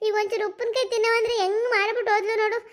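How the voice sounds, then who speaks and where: A greedy old mother-in-law, put on by a woman for a cartoon comedy. She whines and grumbles in a high voice, pleading for a taste of forbidden food. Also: level tone, very fast. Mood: grumbling pleading. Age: older. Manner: whiny, complaining and pleading.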